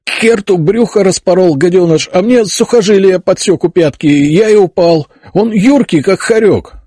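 A man voicing a wounded young soldier who speaks hoarsely, in an audiobook. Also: high-pitched, moderate pace, mellow, no echo, voice pushed up. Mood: pained. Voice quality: hoarse, strained.

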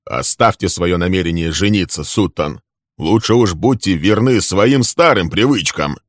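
A man voicing a hot-tempered young man who shouts accusations at a rival in a storybook reading. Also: low-pitched, animated, normal speed, no echo, studio quality. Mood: venomous.

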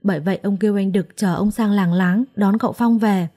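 A woman's voice: mid-range voice, steady tone, brisk, dark tone, natural voice. A woman voicing a young female servant girl in a storybook, calling out urgently and talking in a rush of feeling. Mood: eager.

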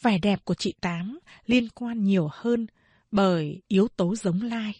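A woman narrating a novel in a measured, expressive storytelling voice. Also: medium pitch, slightly rough, dry recording. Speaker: audiobook narrator.

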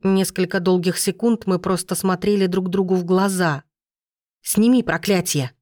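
A woman's voice: fairly low pitch, flat delivery, moderate pace, a little mellow, no echo, clean studio sound. A woman narrating a first-person fantasy audiobook in an urgent, emotional way.

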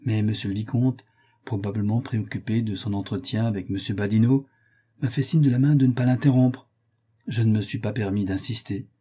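A man's voice: fairly low pitch, steady tone, fairly quick, warm tone, husky. A man reading the part of a formal, apologetic valet excusing himself to his master. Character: fussy, deferential male valet.

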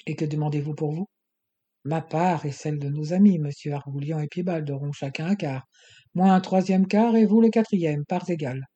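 An audiobook reader voicing a scheming, menacing male doctor who speaks calmly and coaxingly. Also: medium pitch, breathy edge, dull audio, natural voice. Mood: cold bargaining. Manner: calm, measured, coaxing menace. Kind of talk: audiobook reading.

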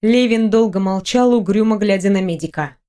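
A woman narrating an audiobook in an even, measured way. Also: mid-range voice. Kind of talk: scripted narration.

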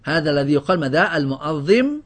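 Speaking at a quick pace in a slightly high, very animated voice, a man runs a grammar lesson with word-list drills and questions for the class. He frequently cuts words short and starts over.

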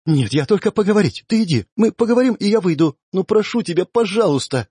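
A desperate young woman begs in a raised, urgent voice, as a male narrator puts her on. Her pleas come in a husky tone that rises and falls a lot. The audiobook recording is dry and close. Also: high-pitched, lively intonation, quick pace, mellow, no echo, voice pushed up. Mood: pleading. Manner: pleading, urgent. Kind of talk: audiobook character voice.

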